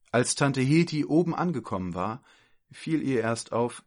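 Low-voiced man reading a story. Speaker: narrator.

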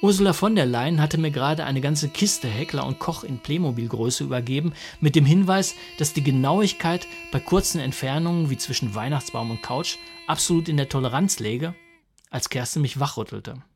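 A man's voice: fairly high pitch, moderate pace, a little mellow, faint music behind. A man reading a humorous first-person story aloud in a dry, wry manner. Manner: dry, wry comic narration. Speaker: narrator.

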